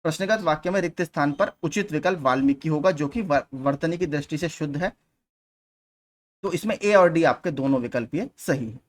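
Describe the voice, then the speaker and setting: A man's voice: on the high side, a little fast. A man teaching exam preparation, going through spelling questions one at a time and patiently repeating the key points.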